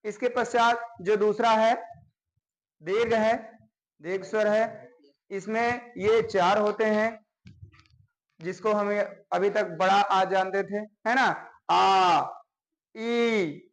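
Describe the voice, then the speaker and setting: Teacher, male, high-pitched, walks students through basics, constantly checks they're following. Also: steady tone, takes it slowly, long pauses, rough recording. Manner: explains step by step, often checking with "है ना?". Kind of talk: classroom grammar lesson.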